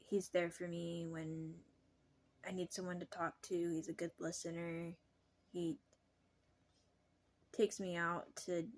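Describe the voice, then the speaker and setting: A young adult woman talking casually to her vlog viewers, halting and pausing often mid-sentence. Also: lowish voice. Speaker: vlogger.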